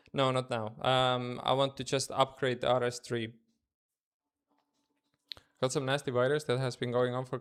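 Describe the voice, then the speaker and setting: With a smooth, medium-pitched voice and an Estonian accent, a native Estonian man chats casually in loose English during a live trading stream from his room. He thinks aloud and responds to his chat as he goes.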